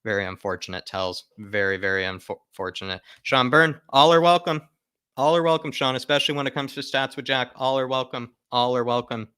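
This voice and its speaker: With a medium-pitched, smooth yet sharp voice and a fairly quick pace, a man runs a football fan livestream. He reads comments aloud, speaks casually and emphatically to viewers, and often repeats phrases to stress them. The sound is dry and studio-clean.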